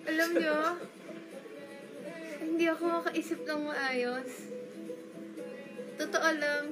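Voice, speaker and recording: Giggly high-voiced woman, loud music. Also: fairly even intonation, takes it slowly, poor audio. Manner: giggly and emotional. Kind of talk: livestream chat.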